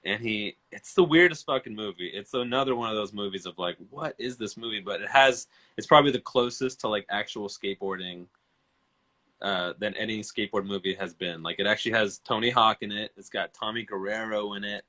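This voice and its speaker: A man's voice: on the low side, fairly quick, sharp tone. A man in his thirties chatting on a live stream as a guest, rambling and enthusiastic with casual swearing. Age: 30s.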